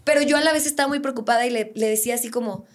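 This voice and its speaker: A woman's voice: a little high, very fast. Slangy Mexican woman telling a story. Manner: lively, slangy, acts out quotes from her story. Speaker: podcast guest. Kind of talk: casual interview storytelling.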